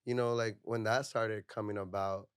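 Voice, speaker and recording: A soft-spoken, reflective young man from Puerto Rico, a counselor, talks candidly as a podcast guest, often dropping in "like" and "you know." His lowish voice holds a steady tone at a moderate pace and sounds smooth. The studio recording is clean and free of echo.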